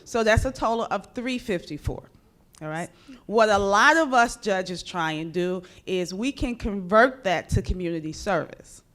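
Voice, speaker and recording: A woman's voice: mid-range voice, lively intonation, moderate pace, a bit bright. A woman judge and former public defender, explaining traffic law to a community audience in a plain, direct way. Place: community meeting room.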